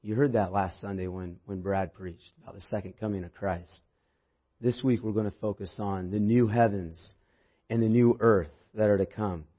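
Hoarse man preaching, dull recording. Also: lowish voice, fairly even intonation, normal speed. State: hoarse, losing his voice. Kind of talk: church sermon, conversational. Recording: dull, muffled sermon audio.

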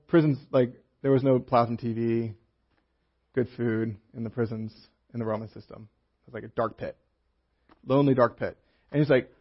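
A man's voice: medium pitch, dull audio. A man preaching a sermon as a pastor, reading scripture aloud and explaining it with casual asides and humor.

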